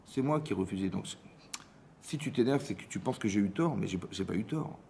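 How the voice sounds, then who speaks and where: In a lowish voice with vocal fry, over slight background noise, a French rabbi teaches Torah fairly quickly in a community hall class. He brings the lesson to life by acting out dialogues and keeps checking that the audience understands.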